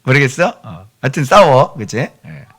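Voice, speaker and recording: A man's voice: medium pitch, very animated, a little slow, a bit bright, slightly rough. A male pastor preaching a sermon in a church, chatting with the children by name and sometimes dropping to a near-whisper. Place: church sanctuary.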